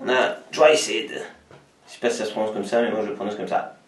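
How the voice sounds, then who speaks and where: A man's voice: fairly low pitch, flat delivery, quick pace. A man with a southern French accent, chatting casually and counting aloud as he shows a pile of games. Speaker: flea market video host. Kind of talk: casual live unboxing chat. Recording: echoey room, far from mic, noisy.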